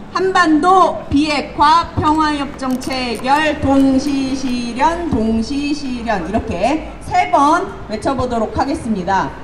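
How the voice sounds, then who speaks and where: A woman's voice: sits high, noisy background. A woman from South Korea emceeing a street rally, announcing speakers and leading chants. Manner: brisk announcing, leads call-and-response chants.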